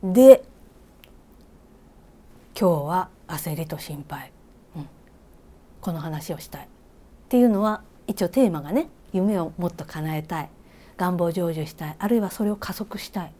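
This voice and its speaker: A woman reiki teacher with a Kansai accent, giving a casual spoken lesson and asking the listener questions, with soft whispered asides. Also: lowish voice.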